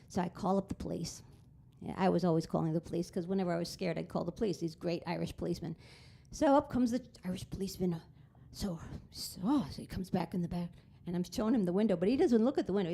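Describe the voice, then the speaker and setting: A middle-aged woman, a pianist and composer, chatting and telling an animated story between pieces at a live concert. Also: fairly low pitch, quick pace, vocal fry, slight background noise.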